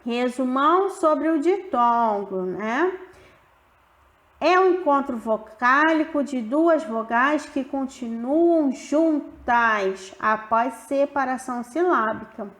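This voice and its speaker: A woman teacher giving a grammar lesson, slowly stretching out the example words as she explains. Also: sits high, expressive, a bit bright, echoey room.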